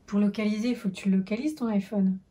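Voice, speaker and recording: Chatty teasing mother, mellow voice. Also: medium pitch, fast. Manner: chatty, teasing, many fillers. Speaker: mother of the vlogger, co-host. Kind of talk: casual home video chat.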